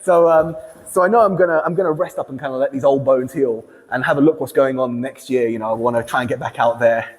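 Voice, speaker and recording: A man in casual podcast chat, telling stories with lively energy, laughing often and restarting sentences. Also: medium pitch, quick pace, in a large hall. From England. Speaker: grappling competitor, guest.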